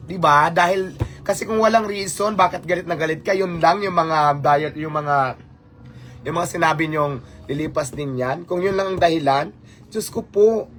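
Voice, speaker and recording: A man's voice: on the high side, normal speed, fairly bright tone, soft background music. A man hosting a casual livestream, talking animatedly and rhetorically, mixing in English phrases. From Philippines. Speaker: livestream host.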